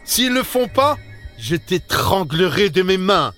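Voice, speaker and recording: A man's voice: high voice, very animated, slow, pushed and bright, soft background music, pitched above the performer's own voice, full character voice. A man voicing a cruel, sadistic male prison guard who speaks with menace and contempt. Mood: menacing.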